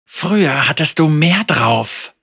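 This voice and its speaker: A man's voice: on the high side, lively intonation, slow pace, gravelly, husky, voice pushed up, exaggerated voice. A man voicing a young woman worn down by torment, crying out in despair and then snapping back in defiance through clenched teeth. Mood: defiant. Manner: shouting in anger, teeth clenched.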